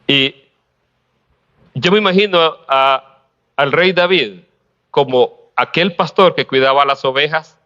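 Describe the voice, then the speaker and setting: A man from Honduras preaches, his voice sitting somewhat high. He works through the sermon with pauses and rhetorical questions, laughing lightly now and then. The recording is muffled and lo-fi. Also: bright, forceful tone.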